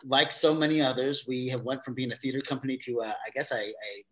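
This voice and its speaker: In a rough recording, a middle-aged man with a medium-pitched, slightly bright voice talks fast. He's a guest on an interview show, explaining his theater company's new work in a casual, meandering way and often restarting his sentences.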